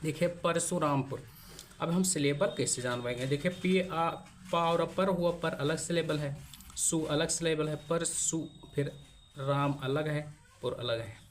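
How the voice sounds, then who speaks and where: A man teaching how to spell names in English, explaining step by step as he writes, with pauses while he works. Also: a little high, a little hiss or hum. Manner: slow, explaining step by step while writing on a board. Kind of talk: spoken lesson on spelling Hindi names in English.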